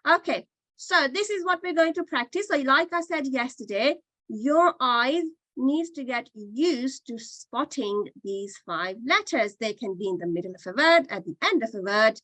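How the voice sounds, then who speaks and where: A woman's voice: high voice, expressive, moderate pace, a bit bright, no echo, rough recording. A woman teaching a Qur'an reading class online, patiently explaining and sounding out letters again and again. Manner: patient, demonstrates sounds by repeating them.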